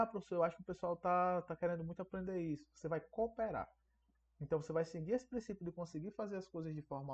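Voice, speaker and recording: A man's voice: fairly high pitch, darkish tone. Chatty male teacher, lo-fi audio. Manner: conversational, frequent tag questions. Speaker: online course teacher. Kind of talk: recorded online class lecture. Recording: dull lo-fi audio.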